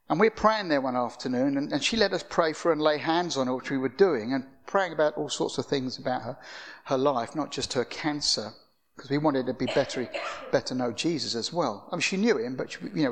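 A man's voice: mid-range voice, a bit bright. An older man giving a sermon as a guest preacher, telling stories in a conversational way with frequent restarts. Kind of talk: anecdotal sermon.

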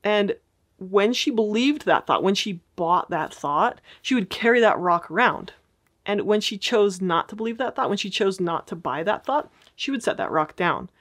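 A woman's voice: medium pitch, expressive, moderate pace, a bit bright. A woman therapist teaching casually, explaining ideas in a friendly way and checking in with her listeners.

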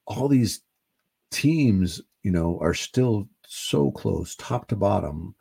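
Low gravelly rambling man. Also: takes it slowly. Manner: rambling, relaxed, many fillers. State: high on cannabis. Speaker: podcast host. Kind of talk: solo casual sports podcast.

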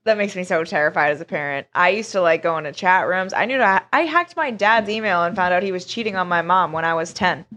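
A woman's voice: on the low side, quick pace, few pauses, a bit bright. A woman in her thirties co-hosting a podcast, tipsy and giggling as she tells loose, profane stories in a casual chat. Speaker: podcast co-host.

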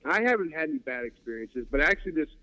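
A man's voice: a little high, sing-song, quick pace, bright, forceful tone. A laid-back man chatting casually, who swears easily and keeps saying dude and man. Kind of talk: casual chat. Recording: dull lo-fi audio.

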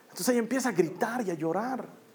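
A man delivers a personal testimony as a sermon. His voice sits notably high for a man. He tells the story earnestly and drags out the phrases that matter most. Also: lively intonation, fairly quick, a little mellow, husky. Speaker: preacher.

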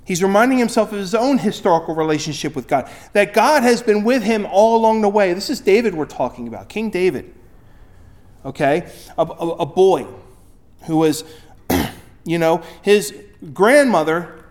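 A man's voice: high-pitched, animated, normal speed, a little mellow. A male pastor preaching a sermon. He reads scripture aloud with rising emphasis, then explains it, repeating phrases and restarting as he goes.

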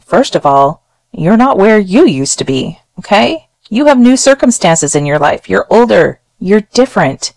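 A woman's voice: mid-range voice, big pitch swings, unhurried, darkish tone, dry recording, poor audio. A woman hosting a solo advice podcast, talking straight to one listener in an earnest, encouraging way. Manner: earnest, encouraging, direct address. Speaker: podcast host.

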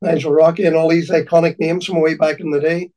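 A man with a Donegal Irish accent reminiscing in conversation, haltingly and often repeating his words. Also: on the high side, little pitch movement, darkish tone, recorded from a distance. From County Donegal, Ireland.

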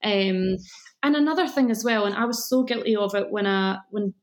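A woman's voice: medium pitch, moderate pace. A woman with a broad Scottish accent chatting casually as a podcast guest, giving encouraging, emphatic advice. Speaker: guest, cake business coach.

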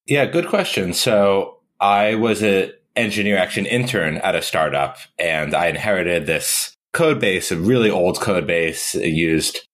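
A man's voice: sits low, animated, unhurried, hardly any pauses, fairly bright tone. A young man, a startup founder, answering interview questions in an easygoing, conversational way. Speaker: startup CEO guest. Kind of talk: casual interview.

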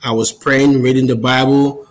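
A man's voice: medium pitch, little pitch movement, moderate pace, poor audio. A man in his forties from Cameroon, a podcast guest on a video call, telling his personal story in a friendly, earnest way. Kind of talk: casual interview storytelling.

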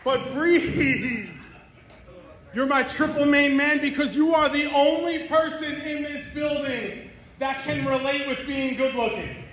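A man's voice: very high-pitched, slow pace. A man cutting an arrogant wrestling promo, boasting and taunting a live audience at an indoor event. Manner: boastful, shouting, taunting the crowd. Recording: echoey venue, loud crowd noise.

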